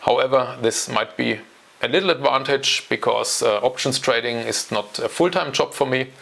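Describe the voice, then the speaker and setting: Speaking at home to camera by himself, a channel host in his 40s talks casually with a German accent. He is German, his voice medium-pitched, gravelly, and a bit bright at normal speed, and he hesitates constantly with ums and uhs.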